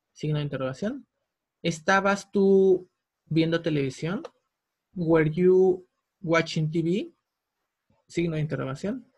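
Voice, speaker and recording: A man with a slightly high voice teaches English grammar in a recorded lesson. He walks through each point patiently and slows his pace for the English examples.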